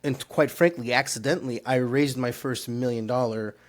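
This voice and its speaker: A man's voice: mid-range voice, steady tone, normal speed. A middle-aged man from Turkey, a startup founder, telling his story in an interview with an earnest, rambling manner full of fillers and restarts.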